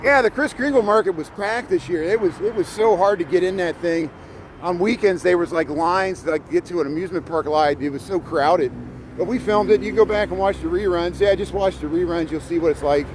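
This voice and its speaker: His voice is high and brisk. The middle-aged Indiana man, whose accent blends Chicago and Midwestern, hosts a live stream while walking snowy city streets, chatting casually with viewers and often repeating words as traffic and city noise fill the background.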